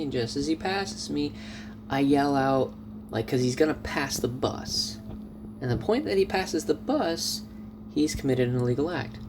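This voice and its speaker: Male vlogger, chatty and animated, average pitch; outdoor recording with audible traffic. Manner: chatty, animated storytelling with excited outbursts. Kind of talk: casual vlog chat.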